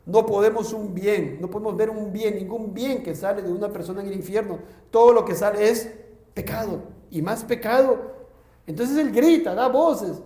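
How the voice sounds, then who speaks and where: A man from Peru preaches with fervor, his voice set high for a man. He drops to quiet, solemn lines and then rises to urgent pleading. The sound carries the echo of a roomy church. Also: normal speed. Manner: fervent preaching, swinging between quiet solemn lines and raised pleading exhortation. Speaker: pastor. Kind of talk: sermon. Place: church hall. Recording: echoey church room.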